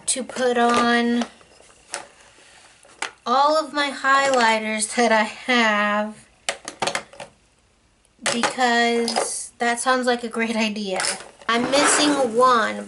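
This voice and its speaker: A young woman talks through her makeup routine in a loose, chatty vlog style, full of "like"s and small tangents. Her voice sits a little high and she takes her time between words. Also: background noise. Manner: chatty and rambling, many "like"s. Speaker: beauty vlogger. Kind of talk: casual makeup vlog chat.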